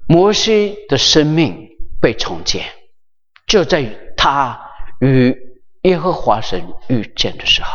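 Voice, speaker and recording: A preacher in a large church hall retells a scripture story with a lively, rising and falling voice and sudden hushed drops. The recording is dull and lo-fi, with a long reverb trailing each phrase. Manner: animated, pitch swinging high and low, drops to near-whisper for emphasis. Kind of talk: sermon storytelling.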